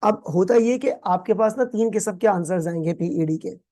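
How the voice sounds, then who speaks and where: In this recorded exam-prep lecture, a high-voiced accounting tutor from Pakistan speaks at a normal pace with warmth and mellowness. Calling students "beta", he keeps asking call-and-response questions and echoing the answers. His examples are playful, everyday ones sprinkled with English terms.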